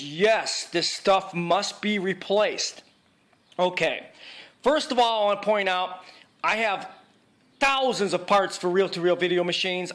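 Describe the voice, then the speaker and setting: A man with a high, slightly bright voice narrates an informal how-to over pictures. He's a video equipment repair technician giving a tutorial, plain-spoken and emphatic, often repeating his points.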